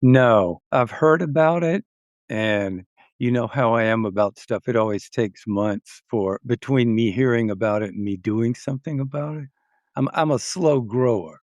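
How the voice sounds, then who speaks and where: A man's voice: medium pitch, moderate pace, darkish tone, dry recording, clean studio sound. A man, a teacher of independent living skills, talking as a guest in an easygoing, self-deprecating way. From Austin area. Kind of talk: casual chat.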